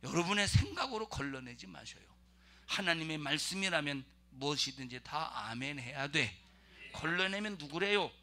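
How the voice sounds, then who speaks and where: A male pastor preaching a sermon and leading scripture reading, firing questions at the congregation and bursting into loud emphasis. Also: on the high side, expressive, normal speed, a little hiss or hum.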